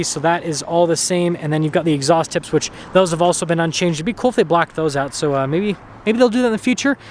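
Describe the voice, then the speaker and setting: A man giving an upbeat, quick-paced walkaround review of a pickup truck, moving from outside the truck to inside the cab. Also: high-pitched, a little hiss or hum. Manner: quick, upbeat feature rundown. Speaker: car reviewer.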